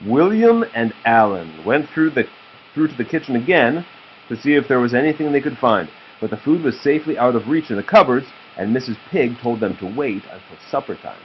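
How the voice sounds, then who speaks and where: A father reads a children's story aloud to his child, patient in manner, with an expressive mid-range voice that moves a little fast. The recording is slightly muffled with faint background noise.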